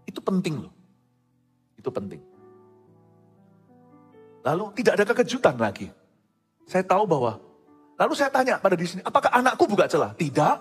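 A middle-aged pastor with a husky, medium-pitched voice preaches conversationally, frequently checking that the congregation follows and mixing in English phrases. The recording is in an echoey hall with faint music.

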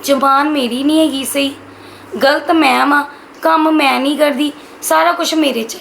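A woman playing a sharp-tongued, defiant young daughter-in-law who argues back in a family drama skit. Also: high-pitched, fairly even intonation, moderate pace, vocal fry, slight background noise, poor audio. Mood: angry. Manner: argumentative, snapping back.

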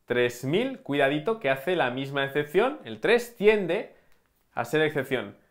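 A man teaches an online language lesson, stretching out each word in slow, deliberate drills. His pitch swings widely and sits a little high for a man. He breaks the drills with playful asides. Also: sing-song. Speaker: Japanese teacher.

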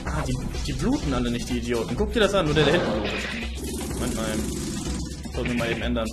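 A young man streaming and commenting live on a video game, expressive, often tripping over repeated words. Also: medium pitch, fast, over music. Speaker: let's-play streamer.

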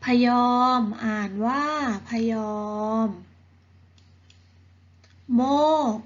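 Slow, careful Thai woman teacher. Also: muffled recording. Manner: slow, careful reading of each word twice. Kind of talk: slow vocabulary lesson for children.

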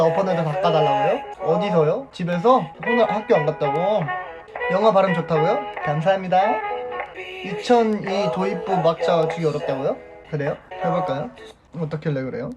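A young man in his twenties hosting a casual live stream, reading viewer comments aloud in a playful way and laughing often. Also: sits high. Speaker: idol band member hosting a solo live stream. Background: music playing.

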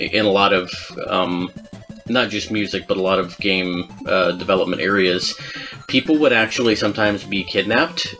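A man with a fairly low voice hosts a podcast about video game music. He talks casually, mocks himself and laughs often. Faint music plays underneath. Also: a bit bright. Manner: chatty and self-mocking, laughs often, hums melodies. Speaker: podcast host.

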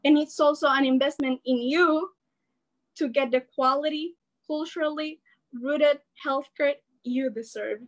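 A teenage girl from El Salvador, a student organizer giving an earnest, animated rally speech over a video call from her bedroom. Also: high voice, unhurried, rough recording. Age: teens. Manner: earnest, animated, gestures while speaking. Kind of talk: prepared speech. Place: bedroom at home. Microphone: laptop webcam on a video call.

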